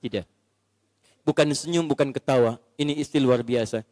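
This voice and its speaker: A male Islamic preacher giving a sermon in lively, animated storytelling that acts out the characters. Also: mid-range voice, moderate pace, dry recording, in a large hall.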